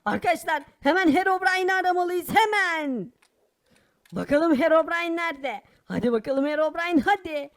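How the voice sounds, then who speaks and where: A woman voicing a bold, hot-tempered poor young boy hero in a cartoon, bossy and quick to scold. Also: extremely high pitch, expressive. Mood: urgent. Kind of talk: animated cartoon voice acting.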